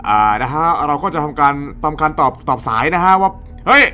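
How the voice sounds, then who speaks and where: A man's voice: fairly high pitch, lively intonation, fairly quick, bright, forceful tone, soft background music. A young man casually commenting on a horror game, swearing a lot and shrieking and laughing at the scares. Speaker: gaming YouTuber. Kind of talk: horror let's play commentary.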